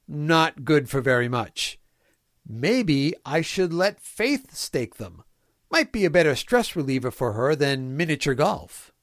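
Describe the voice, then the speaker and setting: A man's voice: a little high, no echo, studio quality. A man voicing a folksy, fatherly villain mayor who dictates his diary in clipped, prim phrases for a comic reading. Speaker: reader of a fan fiction comedy podcast.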